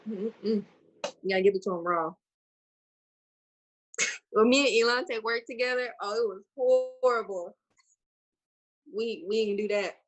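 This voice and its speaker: A woman's voice: mid-range voice, a little slow, pauses often, dull audio. A woman in casual podcast chat, telling stories bluntly and with animation. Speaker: podcast co-host.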